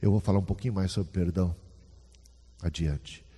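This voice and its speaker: A man gives a sermon, chatting with the congregation and asking them questions. His voice is mellow and a little husky. It rings with the long echo of a church hall. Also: low voice, fairly even intonation, normal speed. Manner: conversational, asks the audience questions. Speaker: preacher.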